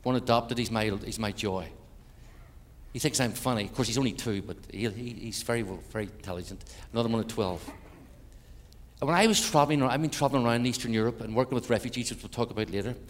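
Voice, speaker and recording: An older man with an Irish accent, a missionary preacher telling animated, joking stories in a sermon to a congregation. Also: medium pitch. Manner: animated, jokey storyteller. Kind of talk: storytelling sermon. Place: church hall with a congregation. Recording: echoey hall, faint ambience.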